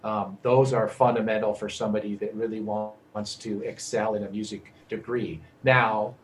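A man who teaches percussion, explaining music degrees in a measured, explanatory way. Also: lowish voice, steady tone, slight background noise, low-quality recording. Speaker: music professor. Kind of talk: conversational interview.

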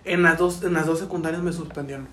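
A young Mexican man with a high-pitched voice tells stories in a casual chat and acts out the people he quotes. The room around him has a noticeable echo. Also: fast talker, a little hiss or hum. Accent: Mexican Spanish. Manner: animated storyteller acting out quotes, laughing often. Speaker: podcast co-host.

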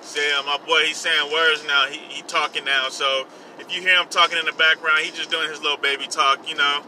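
A man hosts his own personal podcast vlog segment while driving, chatting casually in slang and repeating himself; he's a songwriter. His voice is a little high and sharp, steady and fairly quick. The audio is poor, with faint vehicle noise in the background.

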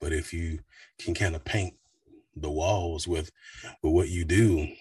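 A man in his forties from the United States, a voice actor and coach with a deep baritone, talking animatedly in an interview. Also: husky, dry recording, recorded from a distance. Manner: animated, slips into quick voice demos. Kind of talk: casual interview talk.

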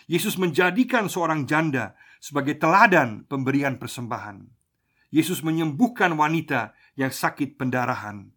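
A man, a pastor preaching a measured radio sermon that slows down for emphasis. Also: fairly high pitch, fairly bright tone, husky. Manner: measured preaching, slows for emphasis, uses Papuan slang phrases.

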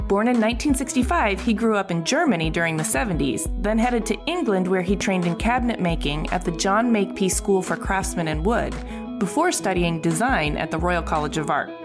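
A woman's voice: medium pitch, animated, fairly quick, over music. A woman host reading an introduction and asking interview questions. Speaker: podcast host.

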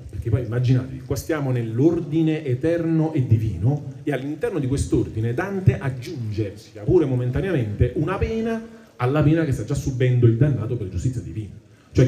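A man with an Italian accent giving a public talk. He reads verses slowly and with emphasis, then explains them in casual speech. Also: medium pitch, dark tone, roomy sound. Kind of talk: lecture with dramatic verse reading. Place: hall at a public event.

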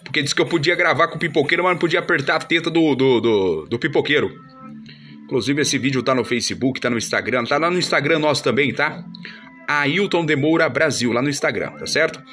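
A man from the São hosts a casual studio show, peppering his talk with "meu" and "mano." His voice sits a bit high. Music plays clearly underneath. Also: fairly quick, bright, forceful tone. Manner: slangy, repeats filler words like "meu" and "mano". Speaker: radio-style host. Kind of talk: casual chat with sponsor shout-outs. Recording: music playing clearly behind.

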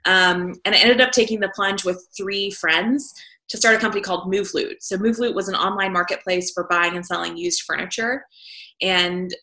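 A woman from the American South tells her story as an interview guest, chatty and loose with her fillers. Her low-set voice carries a gravelly, vocal-fry texture but sounds bright and forward. The room around her is echoey. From Southern United States. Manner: conversational, frequent fillers. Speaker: entrepreneur guest.

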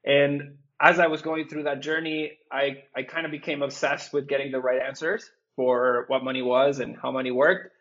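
A man's voice: mid-range voice, little pitch movement, normal speed, few pauses, fairly bright tone. A man from Venezuela, a company co-founder, answering interview questions earnestly, with some restarts. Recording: muffled lo-fi audio.

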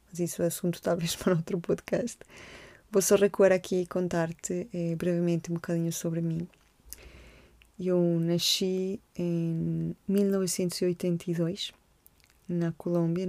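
Female podcast host, 40s, low gravelly voice, flat intonation, soft personal storytelling. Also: no echo. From Colombia. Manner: gentle, reflective, with frequent hesitations and repeated words.

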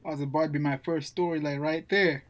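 A young man from Zimbabwe talks about his background in a casual podcast chat, using easy slang and calling his friends "bro." His voice is on the high side, with a steady tone and a quick pace.

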